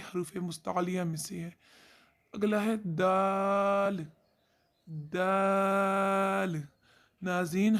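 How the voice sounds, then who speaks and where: Slow, deliberate tajweed teacher. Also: mid-range voice. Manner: slow, deliberate explanation with drawn-out demonstrations of each letter; addresses viewers directly and often. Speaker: Quran recitation teacher. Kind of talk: tajweed lesson on letter articulation.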